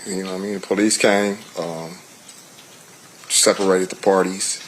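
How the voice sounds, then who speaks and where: A middle-aged American man giving witness testimony in a casual, colloquial way, halting and often saying "you know". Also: low voice, fairly even intonation, slight background noise, low-quality recording. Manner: hesitant, halting, peppered with 'you know'.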